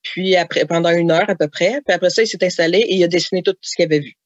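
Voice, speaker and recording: A woman, a guest being interviewed, talking casually and often pausing to search for words. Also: fairly low pitch, no echo, lo-fi sound. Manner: searching for words, hesitant restarts. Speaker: guest author.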